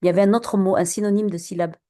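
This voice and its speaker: A woman's voice: mid-range voice, steady tone, racing, warm tone. A woman teacher giving a classroom lesson on poetry, patient and questioning, with many fillers and restarts.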